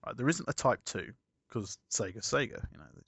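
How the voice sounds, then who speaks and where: A man's voice: medium pitch, animated, brisk, vocal fry, fairly bright tone, husky, no room sound, clean studio sound. A man chatting casually as a podcast co-host, rambling through a story and correcting himself as he goes. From United Kingdom.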